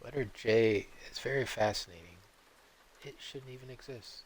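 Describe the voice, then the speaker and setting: A man streaming a game, rambling off on tangents and often clearing his throat. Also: medium pitch, normal speed, slight background noise. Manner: meandering, digressive, frequent throat clearing. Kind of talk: rambling live-stream commentary.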